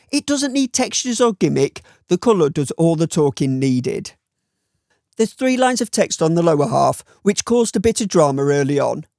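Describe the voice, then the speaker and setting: Northern English male reviewer, voice-over read with a touch of fry, deadpan wry delivery, dead-dry booth sound. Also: on the high side, no room sound. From Northern England. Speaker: watch reviewer.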